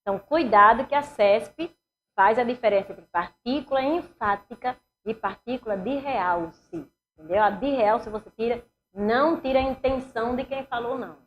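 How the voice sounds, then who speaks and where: A woman's voice: on the high side, moderate pace, lo-fi sound, a little hiss or hum. A woman with a Northeastern Brazilian accent teaching a grammar lesson for exam preparation, asking the class questions and answering them herself.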